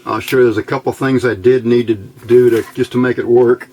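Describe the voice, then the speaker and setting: A hobbyist presenter at an indoor workbench walks through a casual hands-on electronics demonstration, thinking aloud in short phrases. His mid-range voice is brisk, steady, and darkish. The home-video recording is noisy.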